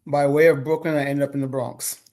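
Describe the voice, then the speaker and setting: A man from Jamaica, a DJ guest answering interview questions in a laid-back, measured way. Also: medium pitch, level tone, a little mellow.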